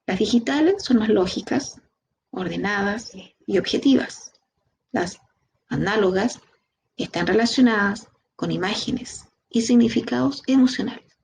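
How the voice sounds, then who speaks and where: A woman with a Chilean Spanish accent giving a training lecture, lively, asking her students rhetorical questions. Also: medium pitch, a little slow, gravelly, a little hiss or hum. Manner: lively, talks to the class directly with rhetorical questions. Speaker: instructor.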